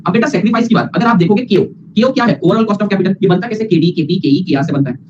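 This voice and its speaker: A male teacher giving a lively lecture, mixing Hindi and English and acting out students' replies. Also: high-pitched. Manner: fast, playful, mixes Hindi and English, acts out students. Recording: lo-fi with background hiss.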